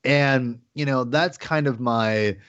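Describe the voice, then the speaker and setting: A man co-hosting a casual podcast review, animated, mocking scenes in silly high voices. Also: takes it slowly, clear, resonant tone. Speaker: podcast co-host. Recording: dull lo-fi dry sound.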